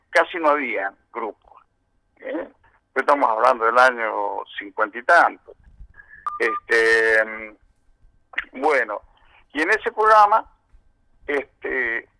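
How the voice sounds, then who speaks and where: A man's voice: mid-range voice, sharp tone, no room sound, poor audio. A man in his seventies with an Argentine accent, a veteran musician recounting his early years in a long, winding interview answer full of "este" and "eh". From San Juan, Argentina. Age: 70s.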